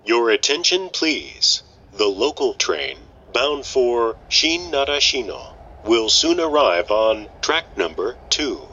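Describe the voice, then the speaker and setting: A man reading a formal, scripted train station announcement with deliberate phrasing. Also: medium pitch, big pitch swings, pushed and bright, highs cut off.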